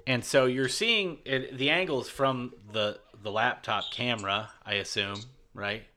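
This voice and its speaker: A man's voice: mid-range voice, a little slow, pushed and bright. A man hosting a podcast, telling a story in loose, casual chat with frequent swearing. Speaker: podcast host.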